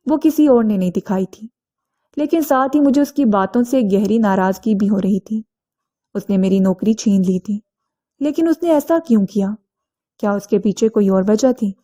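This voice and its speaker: A woman telling a first-person story in a steady, earnest scripted reading. Her voice is mellow and warm, at a middle pitch for a woman.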